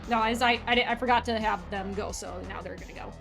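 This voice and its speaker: A woman's voice: on the high side, fairly even intonation, quick pace, a bit bright. A woman running a tabletop role-playing game, casually refereeing as game master. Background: background music.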